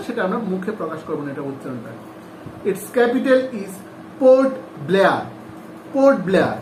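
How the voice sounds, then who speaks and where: Man teaching, spelling names aloud. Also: high voice. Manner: repeats and spells each name letter by letter, asks the class questions. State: sweating. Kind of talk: class lesson, spelling out words. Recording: echoey room, faint noise.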